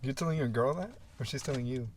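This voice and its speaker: A man with an average-pitched voice, casual podcast banter. He throws out teasing, deadpan questions to provoke the others. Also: quick pace, a little hiss or hum. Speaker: podcast co-host.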